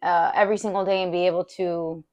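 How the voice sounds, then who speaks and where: A woman's voice: lowish voice, level tone, fast talker, darkish tone, dry recording, highs cut off. A woman in casual conversation, responding and asking questions as an interviewer.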